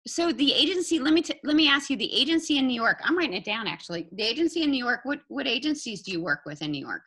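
Lively, bright-voiced woman host. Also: high voice, fast talker, slightly rough. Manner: effusive, exclaiming. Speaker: interview host, model agent. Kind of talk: casual interview chat.

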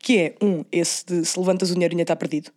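A woman's voice: on the low side, fairly even intonation, rapid-fire, darkish tone. A young woman with a European Portuguese accent chatting casually as a podcast co-host, slangy and switching into English phrases. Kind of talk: casual chat.

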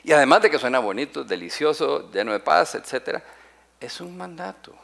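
A man preaching a sermon, emphatic, slowing down and repeating key phrases and asking the congregation rhetorical questions. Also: on the high side, expressive, creaky, fairly bright tone. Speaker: pastor.

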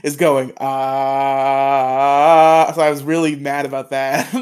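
A man's voice: fairly high pitch, steady tone, moderate pace. A man co-hosting a podcast, telling long rambling stories in casual chat and stammering often. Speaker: podcast co-host.

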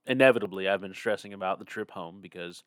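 Low-voiced and fast, the young man co-hosts a casual podcast while recovering from a cold, yawning, rambling and often laughing out of tiredness. No room sound is audible.

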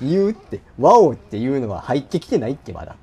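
Young Kansai man bantering, lively pitch. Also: slight background noise. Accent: Kansai Japanese. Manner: bantering, quick to laugh and protest. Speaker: podcast co-host. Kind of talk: casual chat. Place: home.

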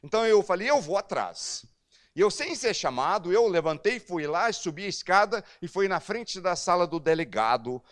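A man's voice: high-pitched, normal speed. A man preaching as pastor, telling a personal story and acting out the dialogue. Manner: animated, acts out dialogue. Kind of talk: storytelling sermon.

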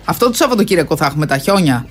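A woman co-hosting a podcast, telling gossip stories in an animated, chatty way. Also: low voice, soft background music. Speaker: podcast co-host. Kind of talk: casual gossip chat.

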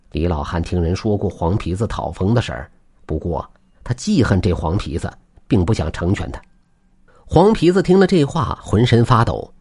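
A man tells a folk tale aloud, animated and expressive. His voice sits low and husky, with lively swings in pitch. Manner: animated storyteller narration.

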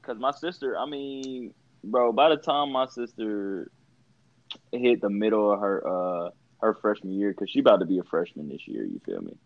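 A young man banters casually in slangy bro talk. His mid-pitched voice moves around with lively swings. The sound is dry and a little dull. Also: moderate pace, creaky, no room sound.

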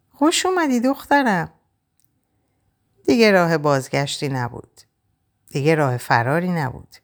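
A woman narrating a novel in the first person, in a quiet, reflective, measured way. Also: sits low. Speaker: audiobook narrator.

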